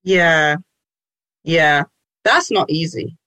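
A woman's voice: low voice, very slow, sharp tone, dry recording. A woman hosting a radio programme in a casual interview style. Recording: dry, faint music behind.

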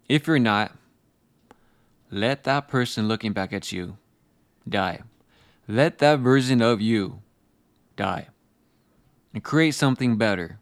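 A man delivering a motivational speech as a speaker, blunt and forceful, hammering out short emphatic phrases. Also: mid-range voice, dry recording.

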